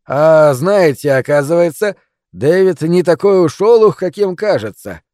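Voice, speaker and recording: A man voicing a brash, scheming male con man who mocks and gloats loudly in an audiobook reading. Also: a little high, lively intonation, measured pace, no room sound, clean studio sound, pitched above the performer's own voice. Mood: mocking, gloating. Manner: mocking, loud, gloating.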